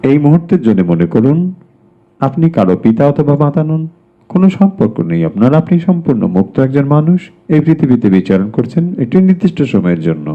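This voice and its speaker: Male meditation guide, slightly low voice, slow measured delivery with pauses, muffled lo-fi recording. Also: sing-song. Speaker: meditation teacher, spiritual guide. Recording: dull, lo-fi sound.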